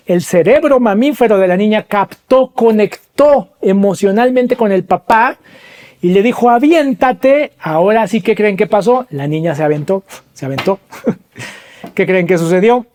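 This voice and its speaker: A man's voice: lively intonation, normal speed, darkish tone. A man hosting a podcast, telling a story and asking the listeners rhetorical questions as he explains. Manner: acts out quoted voices with pitch jumps. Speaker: podcast host.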